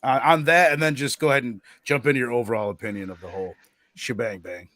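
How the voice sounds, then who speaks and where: A young man hosts a casual movie review chat, lively and talkative. He often breaks into exaggerated voices to act out scenes. His voice is mid-pitched and recorded dry and close. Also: quick pace, no echo. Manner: animated, acts out movie lines in exaggerated voices. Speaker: podcast host.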